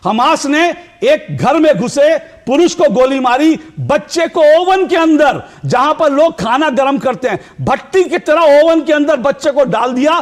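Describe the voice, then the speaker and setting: Male news anchor, very high strained voice, shouting, repeating himself, heated debate. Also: expressive, unhurried, hardly any pauses. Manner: shouting, repeating phrases insistently.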